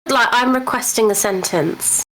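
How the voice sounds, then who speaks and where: A woman with an English accent, a guest on a casual podcast chat, talking deliberately and laughing easily. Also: fairly high pitch, fairly bright tone, slight background noise, rough recording. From England.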